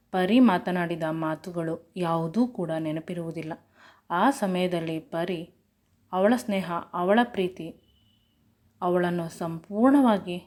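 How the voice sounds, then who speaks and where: Lowish-voiced woman telling a story. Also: darkish tone. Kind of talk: serialized story reading.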